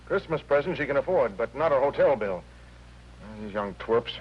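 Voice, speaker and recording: An actor playing a brisk, cynical male hotel clerk with a wry, matter-of-fact manner in a 1950s TV drama. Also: medium pitch, expressive, breathy edge. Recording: dull lo-fi 1950s TV soundtrack with faint hum.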